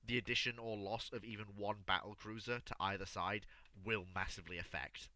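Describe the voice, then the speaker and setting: Hosting a live history discussion show, a man with a lowish, bright, forceful voice cuts into an unscripted, animated group debate, insistently repeating words and stammering as he interjects. He speaks a little fast with fairly even intonation, and the recording is dry.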